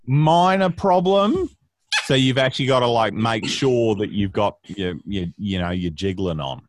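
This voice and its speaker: A man's voice: medium pitch, animated, unhurried. A man with a Queensland Australian accent, chatting casually in a droll, rambling way. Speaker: guest. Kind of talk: casual joking chat.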